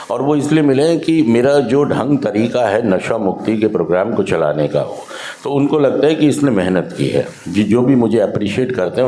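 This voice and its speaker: At a drug rehab center, a male addiction counselor gives an animated motivational talk to residents, firing rhetorical questions at them. His voice is fairly low, and the room is echoey.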